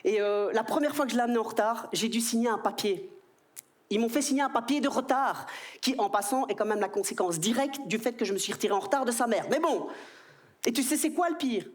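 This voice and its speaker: A man in his thirties with a Belgian French accent, performing an animated stand-up comedy routine on stage. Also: very high voice, fast talker. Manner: animated, jumps into quoted voices. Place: stage before a live audience.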